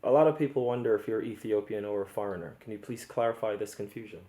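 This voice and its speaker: Man, interviewer, low voice, casual friendly questions, echoey room. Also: fast talker, dark tone.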